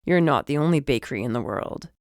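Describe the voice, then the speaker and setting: Woman reading as a deadpan male detective. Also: rumbling low, fast, no room sound, studio quality. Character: dry wry male police detective, adult.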